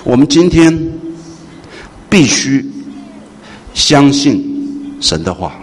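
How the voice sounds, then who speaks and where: A male pastor preaching a sermon, swinging from hushed to loud and questioning his congregation. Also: medium pitch, very animated, drawn-out words. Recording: echoey hall with faint noise.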